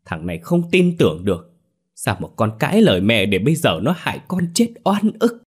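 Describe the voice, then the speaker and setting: A man's voice: mid-range voice, sing-song, normal speed, breathy edge, voice pushed up. A man voicing an older grieving mother who cries out accusations. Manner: shouting, tearful accusations.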